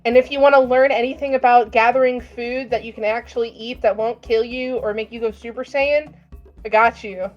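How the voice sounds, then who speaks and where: Higher-pitched female player, jokey and casual, on a dull lo-fi mic. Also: steady tone, a little fast, faint music behind. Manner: joking, laughs often, swears casually. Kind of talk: casual chat while playing a tabletop game. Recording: dull lo-fi sound.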